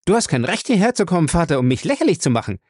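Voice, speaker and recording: A man voicing a hot-headed young man who shouts in a high, furious voice, reading an audiobook. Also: animated, no room sound, studio quality. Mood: defiant. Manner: shouting, furious, rapid outbursts.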